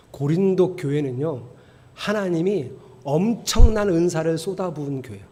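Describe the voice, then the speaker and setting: A middle-aged man preaching a sermon as pastor, telling stories with animation and building to emphatic, near-shouted appeals. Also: on the high side. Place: church sanctuary. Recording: long church hall reverb.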